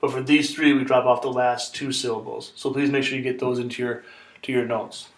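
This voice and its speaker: A man's voice: mid-range voice, little pitch movement, brisk. A man teaching a chemistry lesson step by step, patient and repetitive, checking in with "okay?". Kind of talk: classroom lesson explanation. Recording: echoey room, mic far off.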